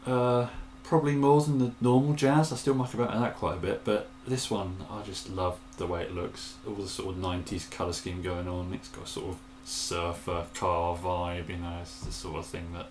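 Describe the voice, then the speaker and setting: A man's voice: low voice, normal speed, echoey room, slight background noise. Chatty man showing off toys. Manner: enthusiastic and chatty, with bursts of excitement. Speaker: toy collector vlogger. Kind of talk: casual show-and-tell chat.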